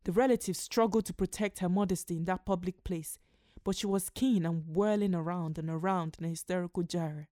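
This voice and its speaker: A woman reading a literary short story aloud in a measured, expressive narrating voice. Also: lowish voice, no echo, clean studio sound. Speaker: story reader.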